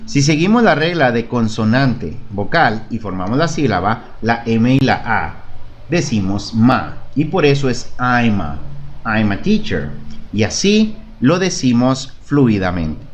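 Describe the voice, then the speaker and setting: Lively-voiced male English teacher. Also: mid-range voice, slight background noise. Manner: patient, repeats and checks with "¿De acuerdo?"; models English phrases slowly for repetition. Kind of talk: online language lesson.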